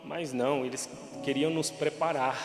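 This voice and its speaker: A man giving an emotional testimony to a church congregation, his voice rising toward shouting at the hardest moments. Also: mid-range voice, fairly even intonation, normal speed. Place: church hall. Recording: echoey hall with music behind.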